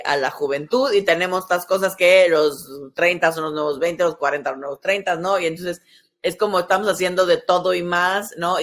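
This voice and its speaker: Hosting a conversational, explanatory podcast, this Mexican-accented woman in her early forties is a sexologist who walks through topics step by step, frequently adding brief tag questions. Her fairly low voice is gravelly and a bit bright.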